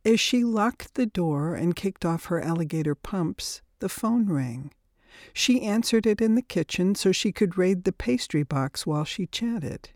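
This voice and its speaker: Woman, audiobook narrator, measured, slow pace, dry recording. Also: on the low side, expressive, a little mellow, no echo.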